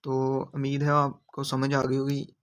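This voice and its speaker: A man's voice: medium pitch, completely flat delivery, unhurried. A man teaching grammar in a video lesson, patiently repeating each example sentence. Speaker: language teacher.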